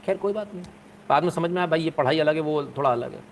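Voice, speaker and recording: A man's voice: on the high side, fast talker, slight background noise. A man hosting a live stream, chatting casually with viewers in a joking, sarcastic way.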